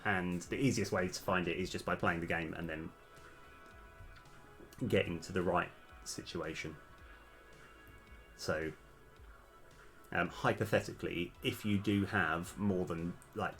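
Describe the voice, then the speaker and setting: A man's voice: deep voice, fairly even intonation, unhurried, pauses often, a bit bright, soft background music. A man streaming game development live, thinking aloud over his code with many hesitations, his voice slightly worn. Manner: hesitant, many ums, talks through code.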